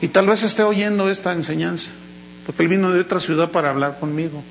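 A man's voice: high-pitched, steady tone, quick pace, creaky, a little hiss or hum, rough recording. A man preaching a sermon, telling stories animatedly and acting out the voices of the people he quotes. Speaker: pastor.

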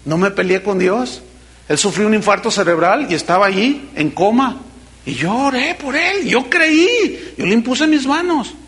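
A middle-aged pastor delivers a sermon in a high-pitched voice. He preaches with animation, slipping into the voices of the people he quotes. Now and then he drops to a sudden hush. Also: lively intonation, normal speed.

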